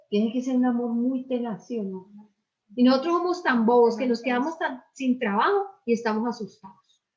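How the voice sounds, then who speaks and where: A woman's voice: fairly high pitch, a little mellow. Older lady pastor, earnest sermon talk w/ stories, kinda muffled recording. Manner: earnest, personal storytelling with rhetorical questions. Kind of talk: sermon dialogue. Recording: muffled lo-fi sound.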